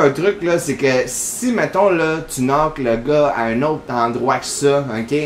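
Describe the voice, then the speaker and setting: A man's voice: mid-range voice, reverberant, a little hiss or hum. Quebec French man chatting over gameplay. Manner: chatty, rambling, full of fillers. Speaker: gaming channel host. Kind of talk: casual gameplay commentary.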